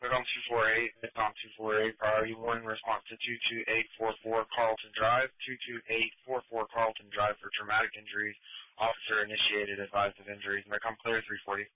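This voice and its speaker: A man's voice: fairly low pitch, flat delivery, a little fast, sharp tone, no echo. A man, a police officer, speaking over a public safety radio, reading terse codes and call numbers. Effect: heard over a public safety radio. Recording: dry, muffled radio transmission.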